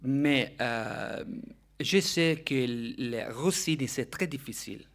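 Italian man speaking halting, accented French. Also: mid-range voice. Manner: halting French, searching for words and slipping into Italian. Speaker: orchestra conductor, interview guest. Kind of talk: live radio interview.

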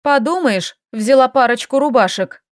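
A woman voicing a stubborn, feisty young heroine who bickers and exclaims in quick, sharp lines, read from an audiobook. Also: sits high, no room sound, clean studio sound, pitched above the performer's own voice, natural voice.

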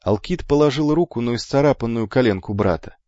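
A man narrating an audiobook in a slow, expressive storytelling manner. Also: mid-range voice, no echo, muffled recording. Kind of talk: scripted narration.

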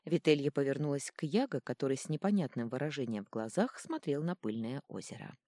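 Woman audiobook narrator, low voice with an animated delivery, dry recording. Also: fairly quick, dry recording. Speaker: audiobook reader. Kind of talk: scripted narration.

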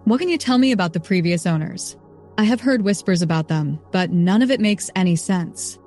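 A woman's voice: fairly low pitch, a little fast, a little mellow, soft background music, lightly acted. A woman voicing a stern but kind man, a knight-like lord, who speaks in firm, commanding lines.

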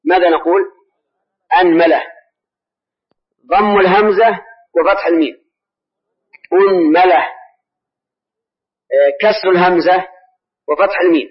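Older-style mosque teacher, high voice, slow and deliberate, repeats and quizzes, muffled lo-fi tape. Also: male voice. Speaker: Islamic scholar answering questions. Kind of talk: mosque lesson, explaining grammar. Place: large mosque. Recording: dull lo-fi old recording.

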